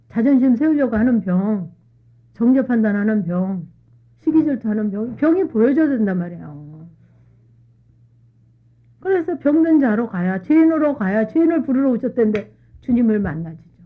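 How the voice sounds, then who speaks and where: A middle-aged woman giving an earnest church testimony, acting out her own prayers as she speaks. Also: fairly high pitch. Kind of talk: testimony talk to a church group. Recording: phone-like narrow sound.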